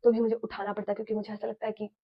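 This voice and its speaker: A woman's voice: mid-range voice, monotone, very fast. A young woman from India, telling a storytime vlog casually and with animation, mixing Hindi and English and swearing freely. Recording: slightly dull lo-fi audio.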